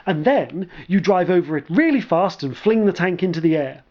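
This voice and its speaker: A man's voice: high-pitched, animated, normal speed. A man voicing a young, nervous male army lieutenant who speaks politely and hesitantly, eager to please, in a dull lo-fi recording. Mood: reassuring.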